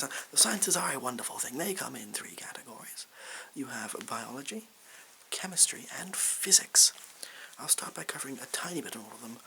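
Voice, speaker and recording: A man playing a bumbling, self-important supply science teacher in a whispered role-play, hesitant and rambling, with deadpan asides. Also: medium pitch, creaky, full character voice, low-quality recording. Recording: hissy background noise.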